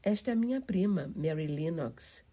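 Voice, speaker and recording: A woman's voice: lowish voice, animated, moderate pace, mellow. A woman voicing a sickly, imperious young boy who gives orders in a storybook reading. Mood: commanding. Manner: bossy, insistent.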